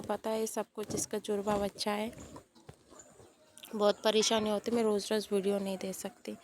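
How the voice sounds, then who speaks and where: A young woman vlogger casually narrating her daily chores in a voice-over, with a slightly hoarse throat and a sleepy, rambling, confiding way of talking. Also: medium pitch, darkish tone, slight background noise.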